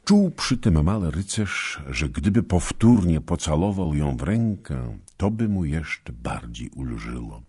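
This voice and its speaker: A man narrating a historical novel in a measured, expressive storytelling manner. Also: extremely low pitch, slightly rough. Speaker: audiobook narrator.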